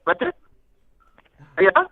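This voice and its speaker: A man calling on a prison phone line with choppy, garbled audio that sounds underwater, talking excitedly and swearing freely. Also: normal speed, dry recording. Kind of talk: casual phone chat mixing in Spanish. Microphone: prison phone handset.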